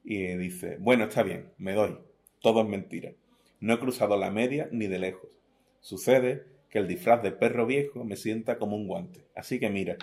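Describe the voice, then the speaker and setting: A middle-aged man with an Andalusian accent, a poet being interviewed, speaks in a fairly low, slightly mellow voice. He makes jokes about himself, reads sonnets, and frequently restarts words.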